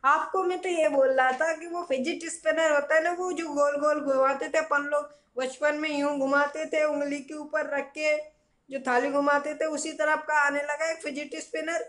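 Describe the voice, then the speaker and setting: A man's voice: very high-pitched, little pitch movement, moderate pace, fairly bright tone. A young man playing a stern, stingy father who nags and scolds his son in a comedy sketch. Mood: defensive. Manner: nagging, scolding.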